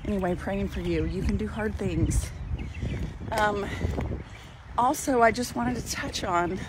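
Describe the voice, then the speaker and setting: A cooking channel host, an older woman, walks through a parking lot filming herself with her phone at arm's length, chatting warmly and encouragingly with viewers. Her medium-pitched voice is a little slow, and the outdoor phone audio has clear background noise.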